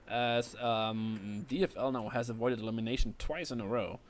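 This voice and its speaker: Male esports caster, medium pitch, excitable live play-by-play. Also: moderate pace. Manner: excitable, rises sharply in pitch and volume at big plays.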